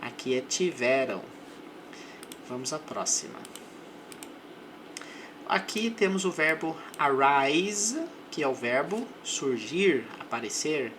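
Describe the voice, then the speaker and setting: Brazilian male English teacher, unhurried lesson voice that slows further on example phrases, faint background hiss. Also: mid-range voice, big pitch swings. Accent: Brazilian Portuguese. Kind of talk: slow explanatory language lesson.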